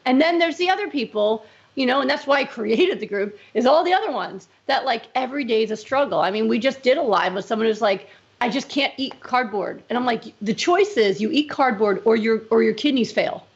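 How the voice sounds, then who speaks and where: A middle-aged woman physician, a guest in a casual interview, talks in quick, emphatic fragments full of "like" and "right?". Her voice is a little high and animated, and the audio has its highs cut off.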